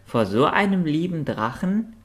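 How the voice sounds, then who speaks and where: A man reading aloud, voicing a kind, caring woman who speaks gently and encouragingly. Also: a little high, very animated, a little slow, voice pushed up. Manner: warm, encouraging.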